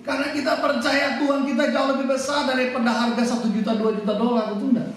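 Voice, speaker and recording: A man preaching a sermon as pastor, animated and joking with his congregation. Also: extremely high pitch, quick pace, far from the mic. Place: church hall. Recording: echoey church hall, mic off. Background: congregation responding.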